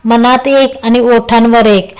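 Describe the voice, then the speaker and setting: A woman's voice: on the high side, steady tone, takes it slowly, a little mellow, clean tone. A woman voicing Abhay, a teasing young man. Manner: teasing and playful.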